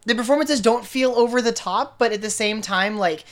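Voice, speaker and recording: A woman's voice: fairly high pitch, normal speed. A woman co-hosting a fan podcast, chatting casually and enthusiastically in a millennial way, often saying "like". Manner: casual millennial speech, peppered with "like". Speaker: podcast co-host.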